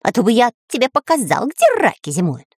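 A woman's voice: fairly high pitch, big pitch swings, brisk, husky, dry recording, studio quality, pitched above the performer's own voice. A woman voicing a cowardly male spy in a storybook reading, whiny and grumbling. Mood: boastful.

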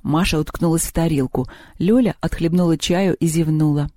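A man narrating a children's story as an audiobook with lively, expressive storytelling. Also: fairly high pitch, moderate pace, no room sound, clean studio sound.

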